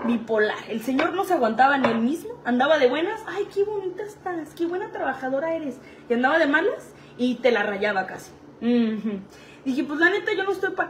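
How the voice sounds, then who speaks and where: A woman's voice: high voice, slight background noise. A young woman with a Mexican Spanish accent telling casual stories about her past jobs, chatty and full of slang and laughing asides. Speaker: vlogger. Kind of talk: casual storytelling.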